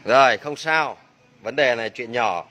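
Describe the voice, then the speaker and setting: A man's voice: medium pitch, unhurried, bright, forceful tone. A man working as a motorbike mechanic, demonstrating a repair and joking and exclaiming to himself as he works. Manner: chatty, jokey, exclaims under his breath.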